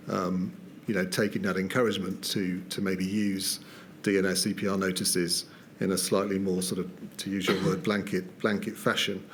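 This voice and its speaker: A man's voice: low voice, slight background noise. A British man giving formal testimony at a public inquiry, hesitant, with many fillers and restarts.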